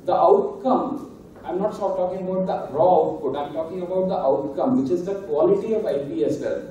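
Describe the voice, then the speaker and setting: A man's voice: high-pitched, animated, a little fast, dark tone, slight background noise. A man giving a conversational conference keynote, often ending points with "right?". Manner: conversational, emphatic, frequent "right?" tags. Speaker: keynote speaker. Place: large conference hall. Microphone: handheld mic, recorded from far camera. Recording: echoey hall, distant and muffled.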